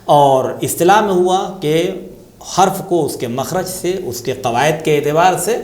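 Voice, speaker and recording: Man with an Indian Urdu accent, slightly high voice, patient lesson explanation, repeats key terms, echoey room. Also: darkish tone. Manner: patient, repeats key terms, asks and answers own questions. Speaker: tajweed teacher.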